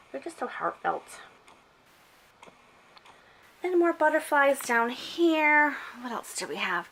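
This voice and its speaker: Woman, middle-aged, from upstate New York, casual vlog chat, bright voice, a bit high, fillers and restarts, handheld camera at home. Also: rough recording. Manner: chatty, with fillers and self-corrections, laughs often. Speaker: booktuber giving a bookshelf tour. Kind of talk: casual chatty vlog narration. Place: home library, indoors. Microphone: handheld camera while filming shelves.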